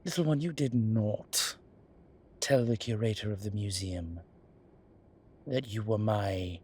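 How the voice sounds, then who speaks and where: Slow, husky, and a little mellow, this low male voice belongs to a voice actor in an ASMR roleplay drama. He portrays a world-weary vampire who is exasperated, protective, and dryly witty. The tone is scolding and sardonic.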